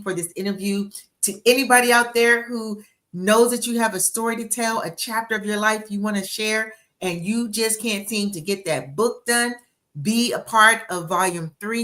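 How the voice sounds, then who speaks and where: A woman's voice: mid-range voice, bright, forceful tone. A woman in her sixties hosting a livestream interview as a book coach, upbeat and encouraging, often repeating herself on a video call. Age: 60s.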